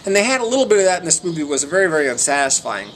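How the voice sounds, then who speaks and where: A man's voice: a little high, big pitch swings, racing, a bit bright, rough recording. A man giving a casual, rambling film review in a hesitant, meandering way, often trailing off mid-thought. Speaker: amateur movie reviewer. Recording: noticeable background noise.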